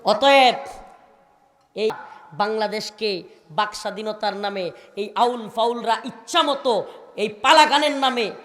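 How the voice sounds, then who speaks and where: Bangladeshi Bengali male preacher, high voice, fiery sermon with shouted Arabic chants, long hall echo. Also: unhurried, pauses often. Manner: shouting, rising declamations, chanted Arabic verses. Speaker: preacher at a religious gathering.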